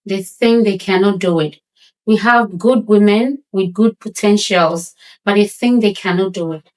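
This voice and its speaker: A woman's voice: mid-range voice, unhurried, poor audio. A woman hosting a talk show, supportive and affirming as she prompts her guest. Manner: supportive, with frequent short affirmations.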